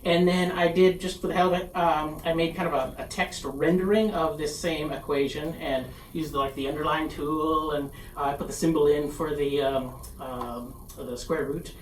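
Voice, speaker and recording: A halting, casual presenter talks through a conference session, self-deprecating and loose. The voice sits at a middling pitch and comes from a distance, picked up across a roomy, echoing space with a faint hiss underneath. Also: fairly even intonation. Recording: echoey room, distant mic, faint noise.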